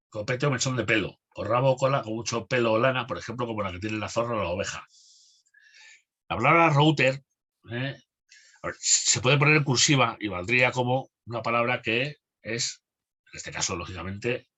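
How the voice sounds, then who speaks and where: His voice is fairly low with a breathy edge as he works through an exam-prep spelling lesson, listing words and definitions one after another. The accent is Spanish, from Spain.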